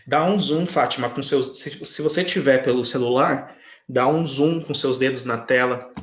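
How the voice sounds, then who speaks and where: A man's voice: mid-range voice, normal speed, roomy sound. A man teaching an English class online in a patient way, often checking in with his students.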